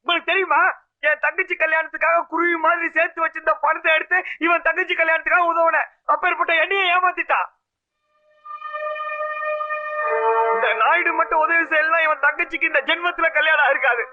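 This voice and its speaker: A man's voice: extremely high pitch, fairly even intonation, quick pace. An actor playing a desperate man chasing a debt for his sister's wedding, talking in a pleading, bitter, emotional way. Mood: anguished. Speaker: film actor. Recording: tinny phone-like remastered film audio with music.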